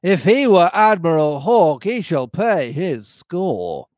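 A man's voice: a little high, big pitch swings, slow, darkish tone, no room sound, pitched above the performer's own voice. Guy doing a fruity bossy storybook pirate, stretches words out all suggestive, real dry close sound. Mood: indignant, demanding. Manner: drawn out, innuendo-laden delivery. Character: fruity, theatrical, commanding pirate innkeeper with a crutch.

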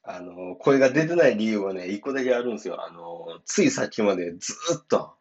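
A man's voice: lowish voice, animated, a little fast, dull audio. A man with a Kansai accent hosting a casual solo podcast, his voice still subdued and not fully awake, rambling and apologetic with frequent chuckles. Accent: Kansai Japanese. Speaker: podcast host and shop owner.

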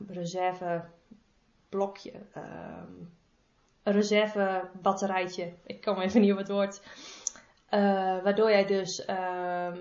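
A woman's voice: medium pitch, a little mellow. A woman therapist giving casual, informal advice, often repeating her main points and addressing the listener affectionately. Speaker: body-energy therapist. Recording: roomy, slightly dull sound.

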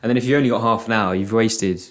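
A young British man in casual chat, earnest and opinionated, explaining his views at a steady pace. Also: on the low side, quick pace.

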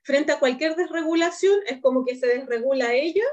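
A woman's voice: sits high, fairly quick. A Chilean woman in her thirties, animatedly recounting a family conflict in a counseling session and acting out what others said. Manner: animated, acts out quotes of her daughter and partner.

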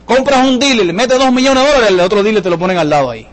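A man giving a lively motivational sales talk to a live audience, joking and asking the crowd questions. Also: high voice, racing. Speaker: business presenter at a sales seminar.

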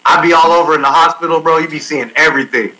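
A man co-hosting a casual podcast, telling stories in an animated, slangy way. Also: on the high side, fast talker, low-quality recording. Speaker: podcast co-host. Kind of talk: casual chat.

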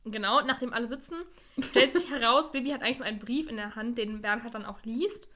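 A woman's voice: on the high side, fast, sharp tone. A young woman co-hosting a podcast in casual chat, retelling an episode with giggles and little acted-out character lines. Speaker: podcast co-host. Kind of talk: casual chat recapping an audio play episode.

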